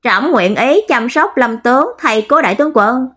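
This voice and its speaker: A woman's voice: fairly high pitch, animated, normal speed, a bit bright, slightly rough, voice pushed up. A woman voicing a young male emperor who speaks in solemn, formal court language.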